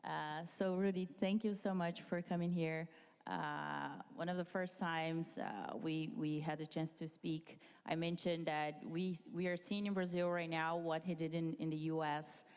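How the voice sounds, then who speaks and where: A woman moderating a conference fireside chat, asking questions with a hesitant, halting delivery. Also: sits low, little pitch movement, clean tone, in a large hall. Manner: hesitant, many fillers and restarts. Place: conference stage.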